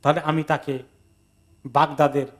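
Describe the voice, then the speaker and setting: A stern male caliph, spoken low and measured as he orders an inquiry into a stranger. A man voices him inside a sermon story. His tone stays quieter than the storyteller's own. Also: flat delivery, natural voice. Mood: commanding.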